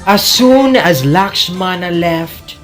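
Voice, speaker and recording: A narrator telling an epic tale in slow, measured scripted narration. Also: mid-range voice, lively intonation, music in the background.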